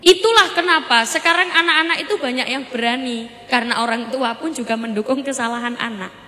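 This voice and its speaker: A woman preacher giving a humorous village sermon in a lively, joking way, quizzing her audience. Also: sits high, a little fast. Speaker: Islamic preacher. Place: village gathering. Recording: reverberant PA with faint crowd and noise.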